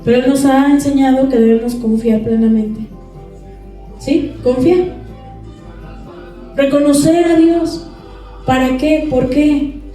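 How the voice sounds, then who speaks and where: A woman preacher with a high but dark, mellow voice, delivering a sermon full of rhetorical questions to her listeners. She is picked up from far off in a very echoey church hall, with faint music behind her. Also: fairly even intonation, slow pace, pauses often. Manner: rhetorical questions, asks congregation for assent.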